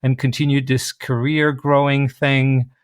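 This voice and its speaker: A man in his forties talks in a measured, reflective way, now and then gently poking fun at himself. His voice is of middle pitch, and the sound is dry and close, as over a video call. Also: level tone, smooth, no echo. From Switzerland. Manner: thoughtful, measured, with light self-deprecating humor. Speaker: guest, organizational consultant. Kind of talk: reflective interview talk.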